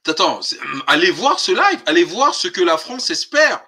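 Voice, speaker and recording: Hosting a political live stream on an online group call, a man talks colloquially and insistently, firing off emphatic rhetorical questions. His voice is high, husky and sharp in tone, with a sing-song lilt at a moderate pace.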